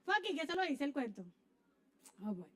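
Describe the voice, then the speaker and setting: A woman preaching a sermon, telling a personal story with lively acted-out scenes and sudden shouts. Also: sits high, brisk. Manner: animated storyteller, acts out scenes, bursts into shouts. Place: church.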